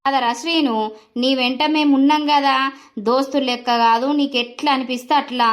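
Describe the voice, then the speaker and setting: A woman's voice: sits high, steady tone, a little fast, close to an everyday voice. Woman doing a loyal young village pal. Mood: reassuring. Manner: brash, reassuring. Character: loyal young male village friend, reassuring. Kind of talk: village cartoon voice acting.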